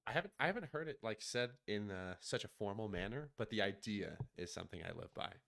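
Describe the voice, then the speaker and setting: A deep-voiced man with a gravelly edge, chatting casually as a podcast co-host. His pitch swings widely as he reacts, and he talks in laid-back slang, quick to gasp and laugh. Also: animated, a bit bright. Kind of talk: casual chat.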